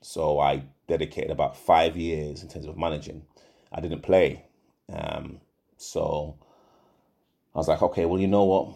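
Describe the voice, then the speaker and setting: A man's voice: very deep voice, steady tone, unhurried, creaky, pauses often, warm tone. A middle-aged man with a Yorkshire accent hosting a casual solo podcast, rambling with frequent fillers and self-corrections. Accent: Yorkshire English. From England. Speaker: podcast host.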